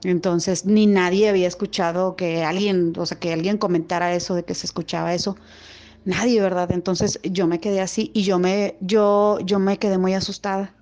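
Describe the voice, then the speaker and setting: A woman's voice: lowish voice, little pitch movement, moderate pace, a little mellow, faint music behind. A woman telling her own scary experience casually, rambling and circling back as she talks. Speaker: follower telling her own ghost story. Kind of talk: casual spoken storytelling. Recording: lo-fi voice message.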